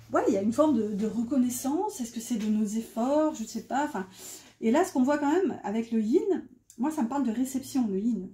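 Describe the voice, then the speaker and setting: A woman's voice: fairly high pitch, mellow. A woman doing a casual tarot reading, chatty and self-mocking, with many fillers. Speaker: tarot reader. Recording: echoey room.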